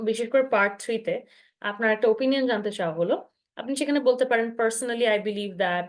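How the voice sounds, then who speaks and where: A fairly high-pitched woman with a Bangladeshi accent leads an online exam-preparation class. She explains each strategy patiently, mixing English terms into her speech and pausing to check that her listeners follow. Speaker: IELTS instructor. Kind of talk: online masterclass teaching.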